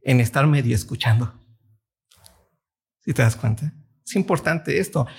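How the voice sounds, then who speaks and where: A man preaching a sermon, reading scripture aloud and questioning his listeners. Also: medium pitch. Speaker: pastor.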